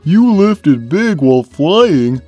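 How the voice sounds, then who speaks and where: A man voicing a big, simple-minded, gentle cartoon cat who talks slowly and placidly, taking everything literally. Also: on the high side, very animated, no echo, faint music behind, heavily acted. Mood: slow, earnest. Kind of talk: cartoon character answering fan questions.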